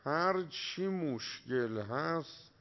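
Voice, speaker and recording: A man preaching a sermon, drawing out key words slowly and posing rhetorical questions to his listeners. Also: on the high side, animated. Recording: dull lo-fi recording.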